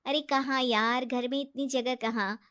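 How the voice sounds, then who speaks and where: A woman's voice: sits high, fairly even intonation, a little slow, fairly bright tone. A woman voicing a naive, trusting young female office worker who talks eagerly and earnestly.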